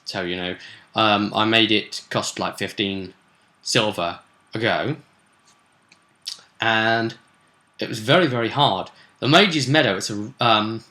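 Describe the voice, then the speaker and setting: A British man, the game master, recaps past sessions in a relaxed vlog, speaking slowly with long pauses. His pitch is fairly low and his tone bright and forceful. He explains in a rambling, chatty, stop-start manner.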